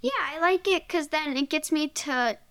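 A guest giving short, hesitant answers full of fillers in a casual chat. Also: female voice, sits high, moderate pace, a bit bright.

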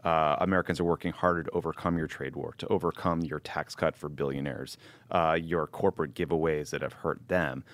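A man's voice: rumbling low, steady tone, a little fast, a bit bright, no echo. A man co-hosting opinionated political chat in a blunt, critical way. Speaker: political podcast co-host.

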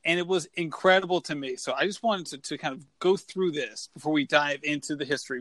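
The fairly high, bright voice belongs to a man hosting a running podcast, recorded dry. In a relaxed interview chat, he excitedly introduces his guest and tends to ramble slightly.

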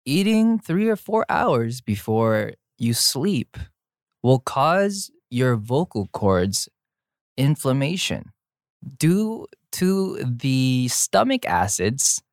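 A young man and singer talking casually in a podcast chat, jokey and animated, explaining things with playful exaggerated examples. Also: mid-range voice, very slow, dry recording, clean studio sound. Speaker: singer guest.

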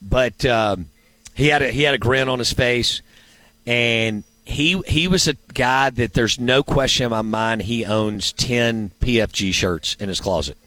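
A man's voice: medium pitch, unhurried, bright, forceful tone. A man hosting a sports show, chatting casually and rambling as he thinks aloud and asks himself questions. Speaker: sports radio show host.

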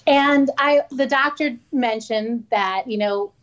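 A woman's voice: sits high, slow pace, lo-fi sound. A woman guest telling stories in a frank, chatty way and laughing often. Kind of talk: casual interview storytelling.

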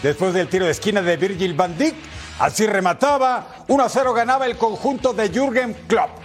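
A man hosting a sports show, presenting news and highlights in a lively broadcast style. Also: a little fast, faint music behind.

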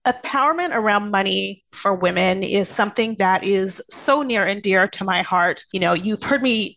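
A woman hosting a podcast interview, animated and quick to laugh. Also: medium pitch, low-quality recording. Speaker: podcast host. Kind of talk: casual interview.

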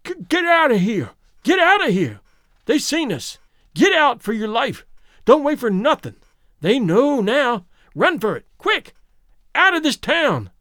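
A man's voice: extremely high pitch, very animated, a little slow, pauses often, a bit bright, dry recording, studio quality, pitched above the performer's own voice, exaggerated voice. A man voicing a mad, terrified old townsman, ranting in rustic speech. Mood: panicked. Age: older. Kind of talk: audiobook character voice.

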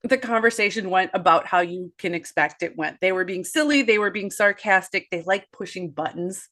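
Woman, 40s, podcast guest and author; earnest, animated storyteller. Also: mid-range voice, moderate pace. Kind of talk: conversational podcast discussion.

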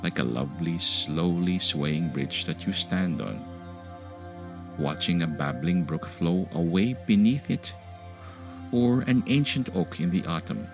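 A man guiding a meditation in a slow, soothing sleep-story style, with gentle, unhurried and calming instruction. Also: deep voice, gravelly. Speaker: meditation podcast host and guide. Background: music behind the voice.

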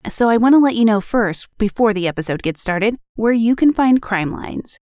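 A woman's voice: on the high side, animated, moderate pace, a little mellow, no room sound, studio quality. A woman hosting a podcast, reading an announcement straight to her listeners. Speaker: podcast host.

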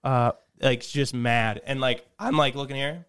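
A man's voice: mid-range voice, moderate pace, fairly bright tone, clear, resonant tone. A young man co-hosting a podcast, telling a rambling story in casual chat with frequent laughs. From United States. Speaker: podcast host.

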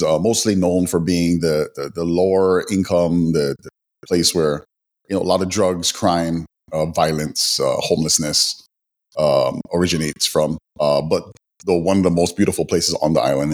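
Hawaiian male guest, low voice, hesitant, reflective storytelling. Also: steady tone. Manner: halting, many fillers and restarts. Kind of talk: interview storytelling.

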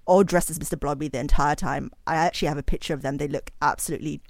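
A woman guest on a podcast, chatting casually and telling a story with animated energy. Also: low-pitched, rapid-fire, dry recording, studio quality. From grew up abroad, moved at sixteen. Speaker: guest, magazine editor.

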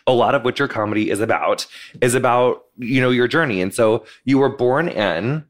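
A man's voice: medium pitch, moderate pace. A man hosting a podcast interview, chatty and jokey, filling his questions with "like". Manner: chatty, lots of likes, jokey asides. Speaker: podcast host. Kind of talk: casual interview chat.

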